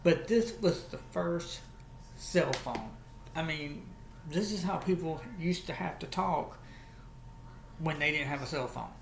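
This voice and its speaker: Speaking in a slightly high, gravelly voice at a measured pace, a Southern-accented video host from Alabama gives a laid-back product show-and-tell. He's folksy and repeats himself. The recording has room echo and faint background noise.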